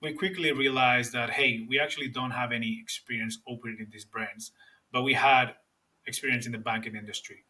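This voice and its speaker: A Spanish-accented man in his thirties, talking earnestly as a podcast guest and often restarting his sentences. His voice is bright and forward. He sits a little away from the mic. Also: mid-range voice, steady tone, a little fast, recorded from a distance. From Spain. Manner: earnest, explanatory, with frequent restarts. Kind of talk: podcast interview.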